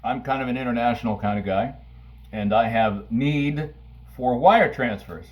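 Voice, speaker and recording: A man talking playfully to camera in his kitchen, theatrical, swinging from booming outbursts to low asides while he cuts an onion. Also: moderate pace, dull audio. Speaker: vlogger. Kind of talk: casual talk to camera. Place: home kitchen.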